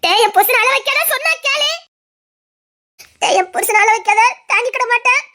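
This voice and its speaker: A desperate wife with a Tirunelveli Tamil accent, begging tearfully over and over, as an actress plays her. Her voice sits extremely high and rings sharp and bright. The acting is melodramatic and shrill. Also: brisk. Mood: tearful pleading. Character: distraught wife pleading for her husband. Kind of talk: melodramatic web-series acting.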